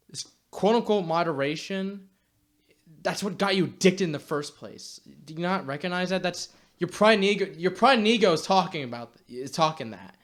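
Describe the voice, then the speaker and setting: A young man delivering a blunt, exasperated rant to camera, swearing casually as he lectures viewers. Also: a little high. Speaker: YouTube commentator.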